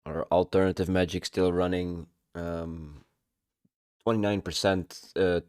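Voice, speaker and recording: A man streaming a casual update on his game progress, halting with many ums, and he has the hiccups. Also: low-pitched, level tone, a little mellow, smooth, no echo, clean studio sound.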